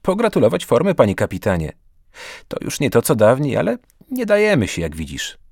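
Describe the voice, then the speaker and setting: A man's voice: mid-range voice, wildly swooping pitch, brisk, gravelly, darkish tone, no room sound, studio quality, pitched above the performer's own voice, heavily acted. A man voicing a jovial, joking army captain and father with a hearty manner.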